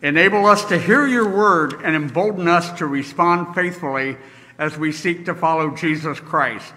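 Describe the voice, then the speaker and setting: A man's voice: on the high side, bright, forceful tone. Man reading liturgy in a reverberant church. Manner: measured, solemn liturgical reading. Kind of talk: leading worship and reading scripture. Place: large church sanctuary. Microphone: lectern microphone. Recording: distant mic, long church reverb.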